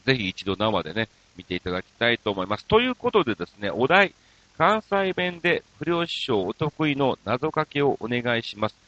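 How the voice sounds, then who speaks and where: Radio host, male, Kansai accent slipping into standard speech, playful self-mocking banter, very animated pitch, dry dull studio sound. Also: fairly quick, dry recording. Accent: Kansai mixed with standard Tokyo speech. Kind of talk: casual radio talk reading listener mail.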